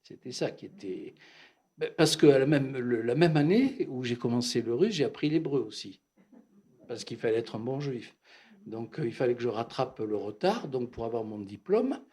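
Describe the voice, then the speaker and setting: An older man from Algeria, a psychoanalyst, telling his memories at a bookshop talk in a halting, reflective way, often repeating words. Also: medium pitch, animated, dark tone. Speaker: psychoanalyst, guest speaker. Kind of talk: reminiscing talk at a bookshop event.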